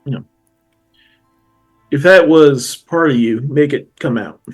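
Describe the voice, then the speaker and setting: A man's voice: fairly high pitch, slow pace, breathy edge, faint music behind. A man chatting casually as a player in a tabletop role-playing game.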